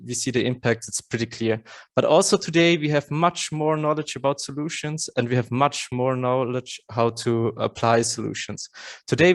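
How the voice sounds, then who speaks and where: A man in his thirties from Austria, an English speaker, giving a conference presentation earnestly with frequent fillers and restarts. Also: mid-range voice. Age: 30s.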